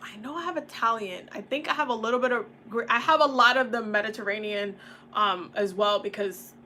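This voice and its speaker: A young woman from the Dominican Republic talks in a loose, slangy livestream chat, laughing often between thoughts. Her voice is bright and a little high. A faint background hiss sits under the recording. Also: brisk. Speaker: tarot and oracle reader.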